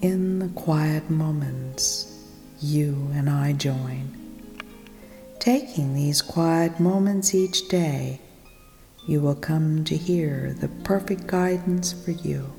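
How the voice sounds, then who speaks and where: A woman leading a guided meditation, speaking softly and soothingly, often in a whisper. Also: low-pitched, slow pace, gravelly. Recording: long reverb with music behind.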